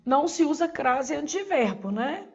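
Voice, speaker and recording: Brazilian woman, teacher, exam-prep lesson, answers her own questions, a bit of vocal fry, muffled lo-fi sound. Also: high voice, very animated, moderate pace. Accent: Brazilian Portuguese. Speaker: Portuguese teacher.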